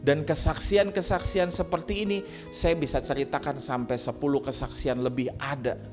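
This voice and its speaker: A male pastor preaching in a relaxed, chatty way, with a lilt. He jumps into little acted dialogues and laughs with his listeners. Faint music plays behind him. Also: fairly high pitch, normal speed. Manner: lively storytelling, acting out quoted dialogue, joking and laughing. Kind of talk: sermon.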